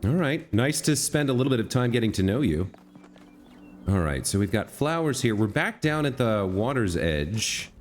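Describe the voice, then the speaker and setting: A man's voice: on the low side, very animated, normal speed, a little hiss or hum. A man giving casual let's play commentary, musing and thinking aloud as he goes. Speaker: gamer commentator.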